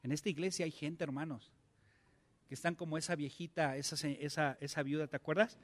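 A man's voice: fairly high pitch, fairly even intonation, fairly quick. A male pastor, preaching a conversational sermon and asking his congregation many questions.

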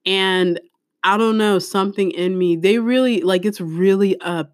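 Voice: medium pitch, measured pace, no room sound. Chatty teacher telling a dry, close story. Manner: animated, chatty, quotes herself in class. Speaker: podcast host and public school English teacher in Korea. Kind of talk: casual storytelling podcast. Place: room with a window open.

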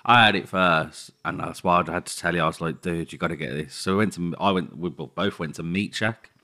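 A man with a Birmingham accent, co-hosting a podcast in casual chat, excitable and full of "like". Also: sits low, brisk. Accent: Birmingham English. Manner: excitable, gushing, full of "like" and "oh my God". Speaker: podcast co-host.

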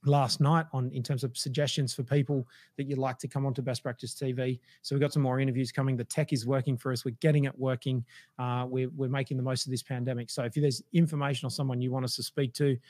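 A man's voice: mid-range voice, a little mellow, no room sound. A man hosting a casual business livestream. He rambles with many fillers and restarts, and his voice is starting to go. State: losing his voice. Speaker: livestream host.

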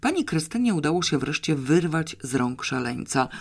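An audiobook narrator reading a children's novel with lively, even storytelling. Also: mid-range voice, moderate pace, vocal fry.

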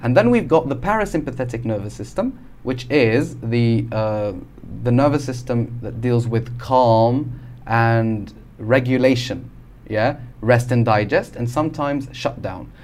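A man's voice: medium pitch, unhurried, darkish tone. A man from Algeria, a podcast guest, explaining ideas in casual conversation with many fillers and restarts.

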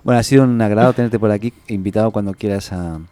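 A man hosts a casual podcast and talks in an easygoing, soft-spoken way. His voice sits fairly low. He keeps the chat loose and relaxed with his guest. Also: fast talker, no echo. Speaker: podcast host.

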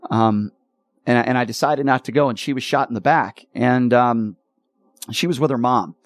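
A man hosting a sports talk radio show, talking in an earnest, halting way with repeated words, choked up with emotion. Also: mid-range voice, dry recording, studio quality.

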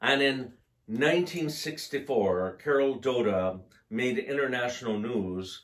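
A man co-hosting a casual chat, telling jokes in a playful, unhurried way. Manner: slow, playful joke-telling with lively pitch. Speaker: co-host.

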